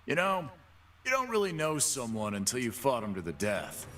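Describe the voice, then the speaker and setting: Sett, a swaggering fight-pit boss. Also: male voice, mid-range voice, huge pitch swings, moderate pace, sharp tone. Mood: cocky. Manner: gruff, boastful trash talk. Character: cocky brawling male fight-pit boss, swaggering tough. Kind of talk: game voice lines. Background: game music.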